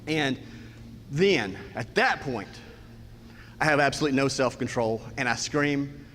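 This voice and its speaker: A man telling a comic personal story in an animated way, acting out the scenes as he goes. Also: medium pitch, unhurried, big-room sound, slight background noise. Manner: animated, acts out scenes and quotes.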